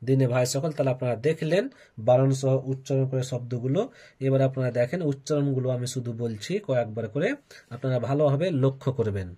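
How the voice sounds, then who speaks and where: A male Quran reading teacher who spells out letters and vowel marks one by one, then recites each word in a drawn-out chant three times. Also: medium pitch, warm tone.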